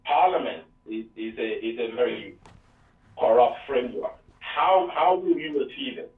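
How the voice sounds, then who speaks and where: A man calls in over a phone line and asks his question in halting bursts, repeating words and starting over. His voice comes through thin and tinny. It also sounds distant and echoey. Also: mid-range voice, animated. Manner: hesitant, repeats words and restarts. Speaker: caller. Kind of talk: call-in question to a guest.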